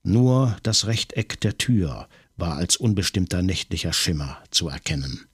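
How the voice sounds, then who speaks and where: Low, husky male audiobook narrator. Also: expressive, no echo, studio quality. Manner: measured, tense storytelling.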